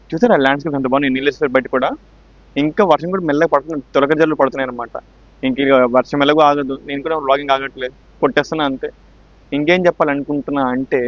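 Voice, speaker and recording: A man chatting enthusiastically as he vlogs a train journey, recorded on a phone inside the moving carriage. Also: no echo. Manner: chatty, enthusiastic, mixes English words into his talk. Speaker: train travel vlogger. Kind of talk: casual on-train vlog narration. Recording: dull lo-fi phone audio with train rumble. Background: train noise.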